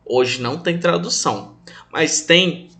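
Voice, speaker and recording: A young Brazilian man teaching English to children online, calling his pupils affectionate names and drilling new words slowly for them to repeat. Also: on the high side, creaky, sharp tone, faint music behind. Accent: Brazilian Portuguese. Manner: affectionate, calls pupils "meus amores", speaks of himself as "tio".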